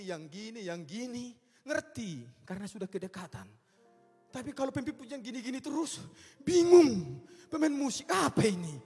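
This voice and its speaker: Man, preacher, humorous sermon, high lively voice, slightly husky, long hall echo. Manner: animated, swings between quiet asides and loud emphatic bursts; humorous, acts out little scenes. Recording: music behind, long hall reverb.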